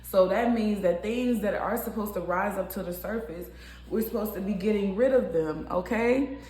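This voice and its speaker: A woman's voice: medium pitch, normal speed, mellow, roomy sound. A woman giving a casual spiritual tarot reading, talking animatedly and repeating herself, often breaking into laughs. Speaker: tarot reader.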